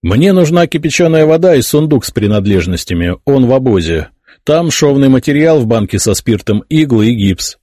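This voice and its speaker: A man voicing a young healer who gives brisk, matter-of-fact orders. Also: medium pitch, big pitch swings, dark tone, no echo, studio quality, pitched above the performer's own voice.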